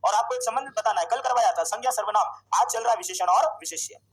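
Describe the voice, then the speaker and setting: A man teaching a Sanskrit grammar class, drilling students with questions and slowly repeating forms. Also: sits high, low-quality recording. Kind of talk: classroom lecture.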